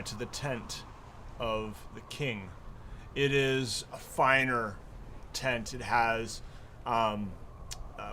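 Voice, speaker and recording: A man runs a tabletop game, improvising his narration. He speaks very slowly and stops mid-sentence often. Noticeable noise sits behind his voice. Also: lowish voice. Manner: halting, pausing mid-sentence. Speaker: game master.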